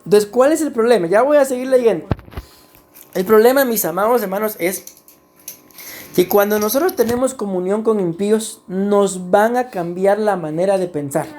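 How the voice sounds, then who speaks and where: A man's voice: high voice, normal speed, darkish tone, slight background noise. A man with a Costa Rican accent, preaching a sermon as pastor and often calling out to his congregation. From Costa Rica. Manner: preaching, repeatedly addressing the congregation.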